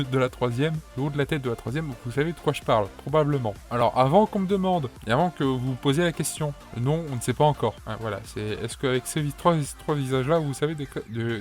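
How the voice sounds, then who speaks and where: French guy chatting anime news, rambly, lots of euh, faint music under it. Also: mid-range voice. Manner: rambling, many fillers and restarts. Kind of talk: casual news commentary.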